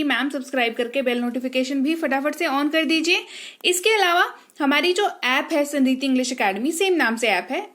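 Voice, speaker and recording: A woman's voice: sits high, fairly bright tone. A woman, an English teacher explaining pronunciation rules step by step and often checking that her students follow.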